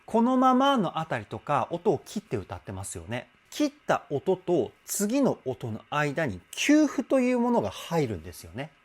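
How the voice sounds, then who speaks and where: A man talks through a singer's technique as a vocal coach, warmly impressed and explanatory, now and then humming a long "uun" as he listens. His voice swings widely up and down in pitch. Faint music plays behind him. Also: huge pitch swings. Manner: enthusiastic, explanatory, admiring; speaks with soft drawn-out "uun" sounds while listening. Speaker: vocal coach reacting to a song. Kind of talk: casual video commentary.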